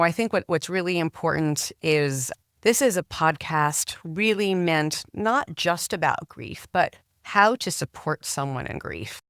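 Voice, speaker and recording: Middle-aged woman host, earnest, halting; smooth, dry close sound. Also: low-pitched, fairly bright tone, dry recording. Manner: earnest, halting with repeated words. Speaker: podcast host. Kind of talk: interview.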